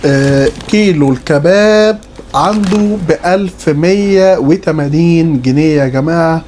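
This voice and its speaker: A young man with an Egyptian accent reviewing food in a casual vlog, animated and joking, often exclaiming in surprise as he tastes. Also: a little high, noisy background. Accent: Egyptian Arabic.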